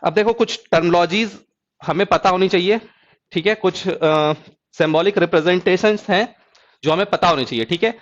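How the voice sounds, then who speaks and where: A man teaching an exam-prep math lecture who keeps asking students if the point is clear and drawls key terms slowly. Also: high voice, dull audio. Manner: asks students check questions.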